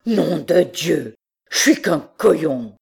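A woman reading aloud, voicing a rough, jealous young countryman who talks bluntly in rustic speech. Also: deep voice, unhurried. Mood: angry.

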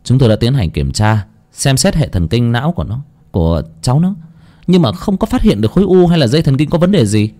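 A man playing a calm middle-aged surgeon who explains things in a measured, serious way. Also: mid-range voice. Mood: puzzled.

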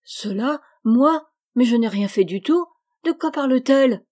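A woman's voice: fairly high pitch, moderate pace, a little mellow, slightly rough. A woman reading aloud, voicing an impulsive, indignant teenage girl who exclaims her lines.

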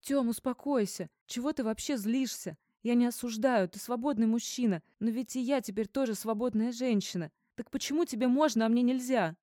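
A woman's voice: fairly high pitch, brisk, hardly any pauses, mellow, no room sound, clean studio sound, pitched above the performer's own voice, lightly acted. A woman voicing a frightened young woman who pleads in a trembling voice in an audiobook. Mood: upset.

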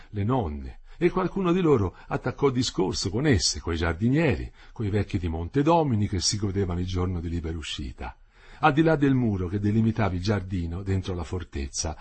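Husky-voiced man reading a novel. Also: on the low side. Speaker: audiobook reader. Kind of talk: scripted literary narration.

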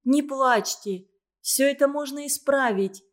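A woman reading an audiobook, voicing an earnest young woman who scolds and moralizes loudly. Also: a little high, measured pace, close to an everyday voice. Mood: lecturing.

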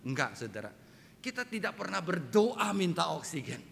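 A man's voice: sits high, very animated, moderate pace, creaky, a bit bright. A male pastor preaching a sermon, who keeps asking his congregation rhetorical questions and addresses them again and again as brothers and sisters. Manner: acts out people's complaints in raised voices. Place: church sanctuary. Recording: reverberant church hall, faint background noise.

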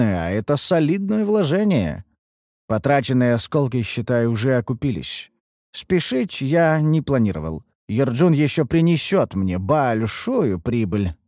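A man narrating a first-person fantasy audiobook in a steady, measured way. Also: medium pitch, dry recording, studio quality.

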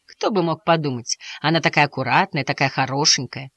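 A woman's voice: low-pitched, brisk, fairly bright tone, no room sound. A woman voicing a brash, aggressive young male mouse in a storybook. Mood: awkward. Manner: aggressive, blustering.

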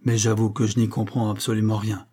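A man reading aloud and voicing an excitable, agitated older colonel who owns a racehorse. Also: fairly low pitch, fairly quick, husky. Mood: excited. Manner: excitable, exclaiming.

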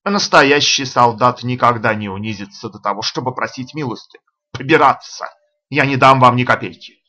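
A man's voice: mid-range voice, moderate pace, pushed and bright. A man reading the part of a proud, brusque old general who talks in curt, commanding phrases, as audiobook character reading. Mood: stern.

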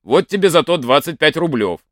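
A man's voice: a little high, lively intonation, a little fast, fairly bright tone, dry recording, studio quality. A man doing a fretful old peasant father. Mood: grumbling.

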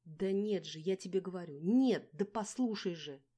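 A woman putting on a shrill, snappy young woman. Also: lively intonation, moderate pace, mellow, close to an everyday voice. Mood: shrill, arguing. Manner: snappy, exasperated arguing. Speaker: character in an audiobook.

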